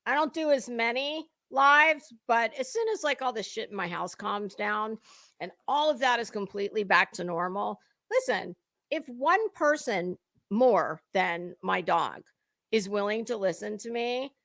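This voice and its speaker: Here a woman with a fairly bright, somewhat high voice speaks animatedly and without hurry. An online commentary creator, she rants unscripted at her audience, confrontational and foul-mouthed, bluntly leaning into emphatic words.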